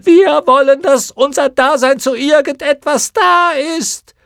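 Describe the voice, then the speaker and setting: A shrill, jeering swarm of moth creatures. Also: male voice, unhurried, gravelly, a bit bright, dry recording, studio quality, exaggerated voice. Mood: shrill mocking. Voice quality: shrill, screeching. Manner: mocking, rowdy chorus. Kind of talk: audiobook character voice.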